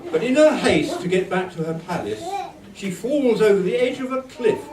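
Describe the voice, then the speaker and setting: A man's voice: high voice, animated, moderate pace, a crowd in the background. A man giving scripted storybook narration for a pantomime. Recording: echoey hall, noisy, distant.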